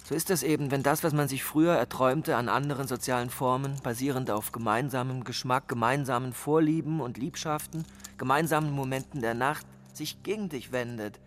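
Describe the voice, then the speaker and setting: An actor in a radio play voicing a cynical man who calls himself a professional of love. He lectures sardonically and swings between hushed asides and emphatic bursts. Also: mid-range voice, brisk, slight background noise, close to an everyday voice.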